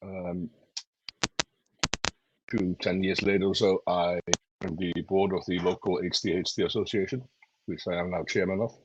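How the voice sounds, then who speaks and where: A man's voice: low voice, fairly even intonation, normal speed, long pauses, a little hiss or hum. A man from Iceland in his fifties introduces himself casually on an online panel over a video call. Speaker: panelist, association chairman. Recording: dry, muffled lo-fi call audio.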